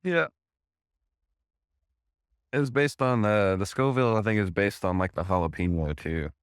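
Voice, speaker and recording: A man with a low voice chats casually on a stream as the companion. His talk is laid-back and slangy, and the sound is dry and close. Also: moderate pace, clear, resonant tone, dry recording. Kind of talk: casual chat.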